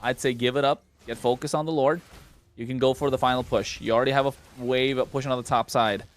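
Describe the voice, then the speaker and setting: A man casting a mobile esports match live, with rapid, excited play-by-play calls and chants. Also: mid-range voice. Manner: excited, fast-paced calls with wordplay. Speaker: esports caster. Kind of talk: play-by-play commentary.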